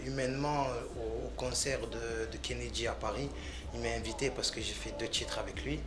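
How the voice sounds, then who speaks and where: Halting man rapper, echoey room. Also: medium pitch. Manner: loose, halting speech with frequent restarts and fillers. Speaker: rapper interviewed about his music. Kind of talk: casual interview talk.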